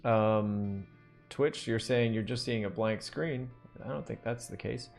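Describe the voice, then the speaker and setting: A man's voice: lowish voice, steady tone, measured pace, vocal fry, a little mellow, soft background music. A man teaching drawing on a live stream, thinking aloud in a rambling, casual way with many fillers.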